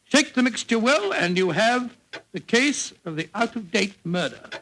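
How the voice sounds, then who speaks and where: A genial old British doctor in a golden-age radio play. The voice sits high for a man, full of avuncular bluster and exclamation, like a fond storyteller. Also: sing-song, unhurried, sharp tone, slight background noise, full character voice, poor audio. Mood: genial, jovial. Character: genial elderly English doctor, avuncular detective's companion and storyteller. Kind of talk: 1940s radio acting.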